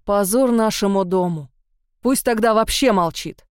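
A woman's voice: mid-range voice, unhurried, clear, resonant tone, dry recording, clean studio sound, natural voice. A woman voicing a stern, domineering older father who scolds his son. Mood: scolding. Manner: commanding, scolding.

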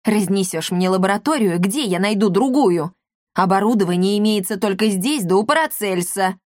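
A woman's voice: medium pitch, animated, normal speed, no room sound, clean studio sound, lightly acted. A woman voicing a grumpy old male iguana who runs an apothecary lab, grumbling and irritable, in a storybook reading.

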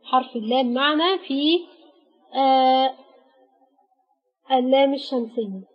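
An Arabic teacher with an Egyptian accent patiently explains a grammar lesson, naming each letter and pausing after it. Her fairly high voice is husky, and the recording sounds dull and lo-fi.

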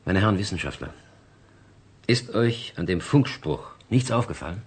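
A man's voice: low-pitched, lively intonation, normal speed, slightly rough. An actor playing an authoritative male space station chief who leads a meeting with probing questions, in a radio drama. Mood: stern.

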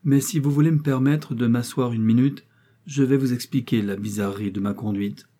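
A man voicing a tearful, agitated gentleman who pleads haltingly in an audiobook. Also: mid-range voice, steady tone, natural voice. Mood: pleading, emotional.

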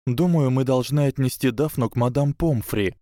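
A man's voice: medium pitch, mellow, dry recording, studio quality, pitched above the performer's own voice, close to an everyday voice. Man doing a careful, bookish schoolgirl. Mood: cautious. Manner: cautious, measured.

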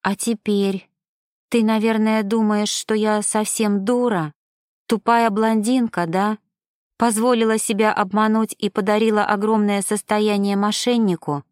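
A woman reading an audiobook, voicing a fragile, gentle young woman in a soft, vulnerable tone. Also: mid-range voice, little pitch movement, unhurried, smooth, no room sound, clean studio sound, close to an everyday voice. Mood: tearful.

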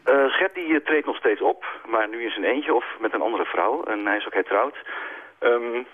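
A man who made a website, a guest on a radio show, talking fast with many hesitations. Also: medium pitch, husky. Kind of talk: radio interview. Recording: dull lo-fi line.

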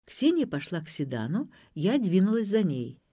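A woman narrating a first-person detective story in a brisk, ironic way. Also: lowish voice, big pitch swings, mellow, dry recording, studio quality. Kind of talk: audiobook narration.

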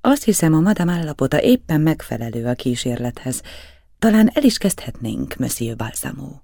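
A calm, mysterious aristocratic man speaks quietly and gently but firmly, as a man reading the storybook plays him. The tone is mellow with a gravelly grain, and the sound is dry. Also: on the high side, dry recording, exaggerated voice. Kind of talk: audiobook reading.

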